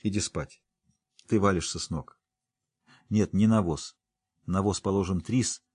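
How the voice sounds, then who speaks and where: A man's voice: deep voice, unhurried, darkish tone, slightly rough, dry recording, studio quality. A man playing a terse, grim middle-aged monster hunter who speaks in clipped orders. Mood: curt grim.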